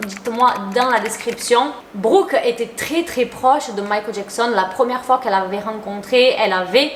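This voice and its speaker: Young woman, casual YouTube commentary, chatty, opinionated, slangy, somewhat high voice, echoey room. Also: a little hiss or hum. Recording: roomy echo.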